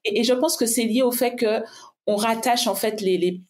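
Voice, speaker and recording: Speaking at normal speed, this woman has a slightly high, slightly mellow voice. She's a finance coach joining a casual chat as a guest, pragmatic and reflective, restarting often and using lots of fillers as she thinks out loud.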